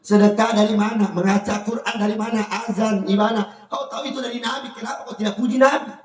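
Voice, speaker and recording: A man preaching a sermon to a gathering, firing rhetorical questions at the audience and swinging between shouts and quiet storytelling. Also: high-pitched, fast, crowd noise. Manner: animated, shifts between shouting and soft storytelling. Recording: echoey hall, voice from a distance.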